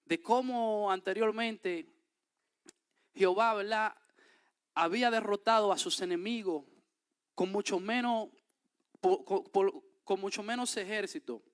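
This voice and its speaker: Preaching in a Dominican Spanish accent, this man from the Dominican Republic reads a passage of scripture, then expounds on it with emphatic upward swells. His voice sits high, clear and resonant, and he speaks a little slowly, pausing often.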